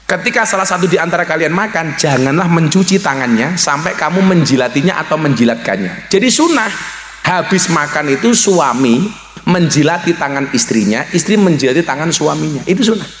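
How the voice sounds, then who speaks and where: Joking Indonesian preacher in echoey hall. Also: male voice, a little fast. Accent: Javanese. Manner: joking, acts out voices, lively swings in pitch. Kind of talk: humorous religious sermon. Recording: echoey hall with faint noise.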